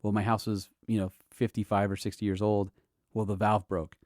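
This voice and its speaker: A middle-aged man and podcast host, from Southern California, sharing fond, halting memories in a personal tribute, with soft laughs between thoughts. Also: fairly low pitch, flat delivery, no room sound, studio quality. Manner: halting, tender, fond laughs while reminiscing. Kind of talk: personal tribute, emotional storytelling.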